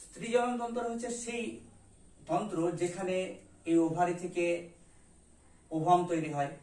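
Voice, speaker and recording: A male teacher walks through a labelled diagram, posing questions and answering them himself as he mixes in English terms. His voice sits somewhat high, and it sounds distant in an echoey room. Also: moderate pace, darkish tone. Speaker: biology teacher. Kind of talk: explaining over a diagram. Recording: roomy echo, voice from a distance.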